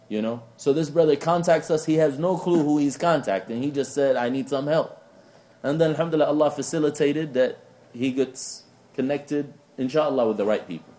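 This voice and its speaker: A man giving an informal talk at a mosque, telling stories and acting out the people he quotes. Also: medium pitch. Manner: storytelling, animated when quoting others. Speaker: mosque speaker. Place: mosque hall.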